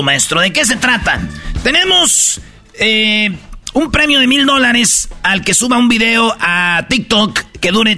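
High, bright-voiced radio host. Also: male voice. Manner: rapid slangy storytelling, loud promo delivery. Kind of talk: joking radio banter.

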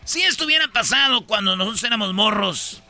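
Bright, lively Mexican man hosting a comedy radio show. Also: sits high, a little fast, faint music behind. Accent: Mexican Spanish. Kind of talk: joking radio banter.

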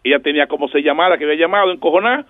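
A man hosting a radio prank segment, talking rapidly and excitably. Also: on the high side, dry recording, narrow, tinny audio. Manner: rapid, excitable, laughing often. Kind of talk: casual radio banter.

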